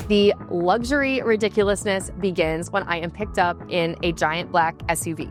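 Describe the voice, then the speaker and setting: A woman's voice: on the low side, fairly even intonation, moderate pace, over music. A young woman narrating her travel vlog and chatting to the camera, bubbly and gushing, recorded outdoors at a tropical resort. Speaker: travel vlogger.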